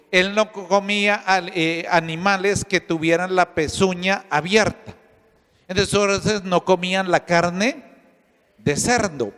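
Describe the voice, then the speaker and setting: Male priest from Colombia, unhurried storytelling sermon in a reverberant hall. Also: high-pitched, a bit bright. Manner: storytelling preacher, addresses listeners as brothers.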